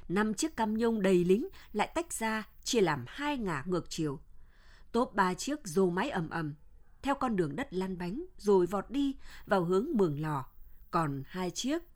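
A woman narrating a historical novel as an audiobook. Her delivery is measured and steady, and her pitch sits in a middle range.

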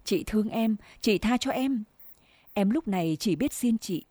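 A woman's voice: medium pitch, animated, measured pace, mellow, dry recording. A woman voicing a young unmarried village woman who pleads humbly and tearfully. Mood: pleading.

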